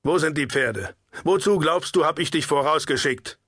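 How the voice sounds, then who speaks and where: A man voicing a stern, commanding nobleman and father who speaks curtly and firmly, in a husky, dry audiobook reading. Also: fairly high pitch, normal speed, fairly bright tone, no echo, pitched above the performer's own voice. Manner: curt and firm.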